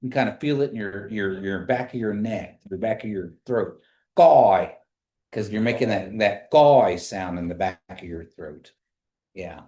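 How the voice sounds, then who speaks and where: Man slowly exaggerating sounds in echoey room. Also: fairly low pitch, a little mellow. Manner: slow exaggerated modeling of sounds and words. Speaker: language teacher. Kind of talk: language lesson, explaining pronunciation. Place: indoor classroom.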